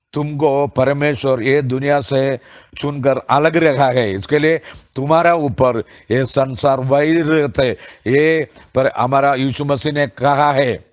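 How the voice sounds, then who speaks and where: A male preacher delivers a sermon at an unhurried, measured pace in a flat, even tone. He stumbles and restarts phrases with filler sounds, and he reads scripture passages slowly and deliberately. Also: medium pitch.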